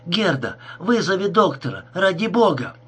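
A man reading an audiobook, voicing a terrified young woman who shouts frantically. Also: sits high, big pitch swings, moderate pace, breathy edge, pitched above the performer's own voice, full character voice.

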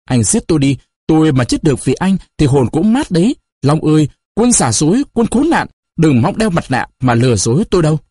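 A man voicing a bitter young village woman who accuses her lover in a shrill, scolding, husky voice. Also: big pitch swings, brisk, hardly any pauses, dark tone, no room sound, clean studio sound. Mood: anguished. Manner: shrill, scolding, pressed high.

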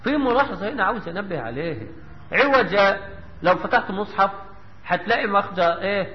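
Egyptian man, high voice, Quran recitation teacher quizzing students, dull sound with long hall echo. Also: lively intonation, quick pace, a little hiss or hum. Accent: Egyptian Arabic. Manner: quizzes the class and answers himself. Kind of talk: tajweed lesson with chanted recitation.

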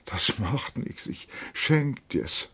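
A man voicing a young, soft-hearted lieutenant who is drunk and pleading. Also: mid-range voice, sing-song, measured pace, slightly rough, voice pushed up. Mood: tearful, generous. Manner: pleading, emotional.

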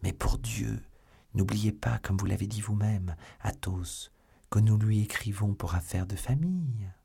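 A man's voice: fairly low pitch, measured pace, vocal fry, mellow, slightly rough, exaggerated voice. A man voicing D'Artagnan, an eager young swordsman.

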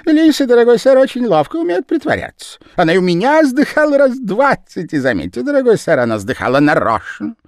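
A man reading aloud and voicing an excitable male shopkeeper who gushes and rattles on in a shrill, fast voice. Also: dry recording, studio quality, exaggerated voice. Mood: gushing. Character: fussy excitable male shop owner.

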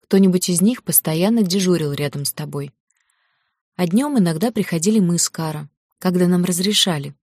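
A woman voicing a loyal young woman friend who talks briskly and firmly. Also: on the low side, darkish tone, no room sound, clean studio sound.

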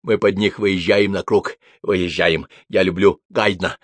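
A man's voice: sits low, fairly even intonation, a little slow, no room sound. A man voicing an anxious, horse-like male racer who keeps repeating his own words. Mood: earnest.

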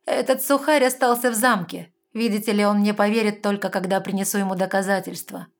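A woman's voice: mid-range voice, steady tone, fairly quick, close to an everyday voice. A woman voicing a sly, smug fairy woman who talks in a mocking, self-assured way.

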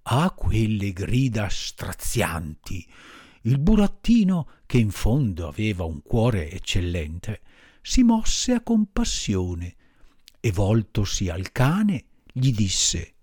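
Expressive man reading a storybook. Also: lowish voice, slow, slightly rough, no echo, studio quality. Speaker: audiobook reader. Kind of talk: storybook narration.

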